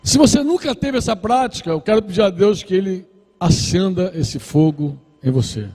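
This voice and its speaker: A man's voice: high-pitched, expressive, moderate pace, dark tone, slightly rough. A male pastor preaching a sermon, exhorting and repeating phrases, acting out little dialogues with the congregation. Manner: exhorting, repetitive, acts out dialogues. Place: church. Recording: reverberant church hall.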